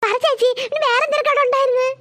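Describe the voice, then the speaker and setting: A woman's voice: very high-pitched, fairly even intonation, very fast, heavy background noise. A woman voicing a small child in a cartoon who keeps asking its big sister questions. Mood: curious. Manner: asks endless questions. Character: small curious younger sibling.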